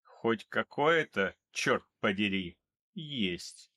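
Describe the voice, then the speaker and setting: A man reading an audiobook, voicing a cold, calm male mercenary who speaks in a flat, unhurried way. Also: lowish voice, pitched below the performer's own voice, heavily acted. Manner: flat, even, unhurried delivery.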